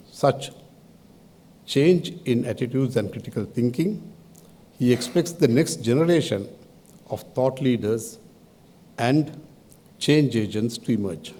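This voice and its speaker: Sri Lankan man giving a mellow podium speech. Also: medium pitch. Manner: measured, halting phrasing with deliberate pauses. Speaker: advisory committee chairman giving a welcome address.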